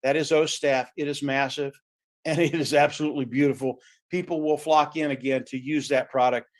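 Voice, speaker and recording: A man presenting on a webinar video call, giving a punchy, repetitive motivational sales pitch. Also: fairly even intonation, fairly quick.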